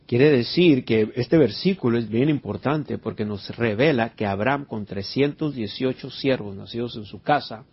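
A man's voice: mid-range voice, moderate pace, hardly any pauses, husky. A man preaching a conversational sermon and Bible study as pastor, earnest, repeating words and putting questions to his listeners. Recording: dull lo-fi recording.

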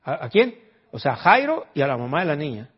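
A man's voice: fairly high pitch, sing-song, brisk, husky. A man preaching a sermon in a conversational way, often quizzing the congregation. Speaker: pastor. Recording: dull lo-fi recording.

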